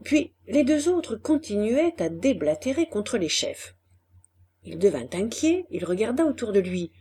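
A woman reading a classic novel aloud as an audiobook narrator, in a measured, deliberate way. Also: medium pitch, big pitch swings, warm tone, husky. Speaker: audiobook reader. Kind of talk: scripted literary narration.

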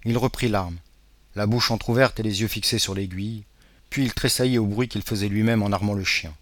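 A man's voice: on the low side, steady tone, no room sound. Man narrating a classic novel aloud. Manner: dramatic, measured reading. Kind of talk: audiobook narration.

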